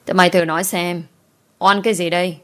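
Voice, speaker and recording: A woman's voice: on the low side, flat delivery, fairly quick, natural voice. A woman voicing a harsh old mistress. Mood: scornful. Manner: scolding, sharp, contemptuous.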